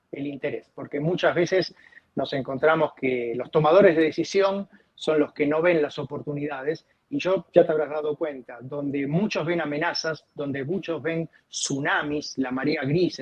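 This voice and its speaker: A man with an Argentine Spanish accent, a doctor who specializes in aging, answering interview questions in an emphatic, expressive storytelling manner. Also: fairly high pitch, slightly rough, highs cut off.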